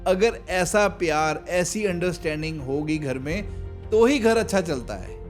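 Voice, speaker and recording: A man's voice: on the high side, lively intonation, a little slow, soft background music. A man hosting a reaction video as a matchmaker, explaining and advising viewers in casual commentary.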